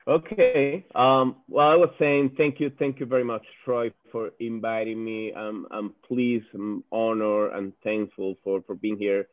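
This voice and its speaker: A native Spanish speaker from Venezuela, a company executive, talks as a guest on a casual video call, using accented English and repeating words earnestly as he hunts for them. His lowish voice is flat and unhurried, with hardly any pauses. The sound is dry and phone-like.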